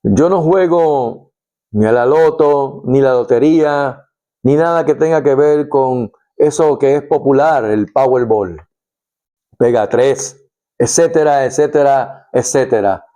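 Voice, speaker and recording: A middle-aged man giving devotional Bible teaching as an animated storyteller. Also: medium pitch, a little slow. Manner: animated storytelling, acts out scenes. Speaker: preacher.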